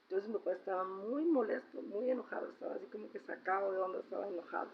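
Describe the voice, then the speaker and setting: A woman's voice: medium pitch, fast talker. A middle-aged woman with a Mexican accent, telling a family story in a casual personal vlog and often tagging her sentences with a questioning "¿no?". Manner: chatty, ends phrases with a questioning "¿no?". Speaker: vlogger sharing personal reflections. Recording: slightly dull recording with faint noise.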